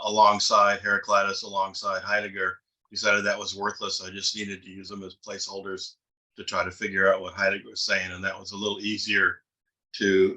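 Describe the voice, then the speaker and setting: A man taking part in a casual seminar discussion over a video call, speaking haltingly with frequent pauses and fillers. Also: low voice, bright, forceful tone, low-quality recording. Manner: halting, hesitant, frequent uhs. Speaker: seminar participant.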